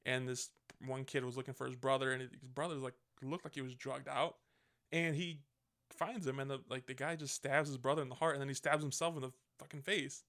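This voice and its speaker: A man with a gravelly, fry-heavy voice talks through a movie plot like he's chatting with a friend. He rambles, backtracks and swears casually. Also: medium pitch, steady tone, brisk, fairly bright tone. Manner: rambling, swears freely, self-correcting. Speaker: podcast host. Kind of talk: casual movie review chat.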